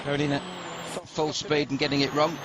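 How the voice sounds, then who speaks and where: A man's voice: on the high side, level tone, normal speed. A man giving rally commentary as a motorsport commentator, explaining the driving in an admiring way. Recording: very loud engine noise behind voice. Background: roaring rally car onboard sound.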